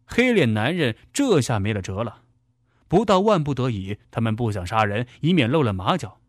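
A man's voice: medium pitch, big pitch swings, normal speed, no echo, clean studio sound. A man narrating a dramatic story in a vivid storytelling delivery.

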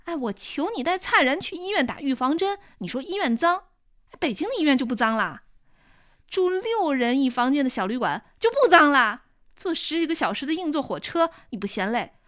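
A scornful, nagging old mother with a sarcastic bite, as a woman reader puts her on. The voice sits lower than the reader's own and swings widely in pitch. The recording is close and dry, with no room sound. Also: big pitch swings, normal speed, fairly bright tone, dry recording. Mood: scolding. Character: sharp-tongued elderly mother, scornful and nagging. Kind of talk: audiobook character reading.

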